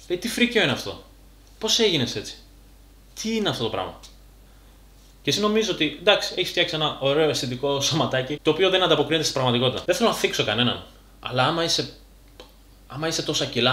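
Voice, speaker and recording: A man's voice: a little high, pushed and bright, echoey room. A man giving a casual, blunt monologue to camera, talking like a coach and full of slang. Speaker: fitness YouTuber.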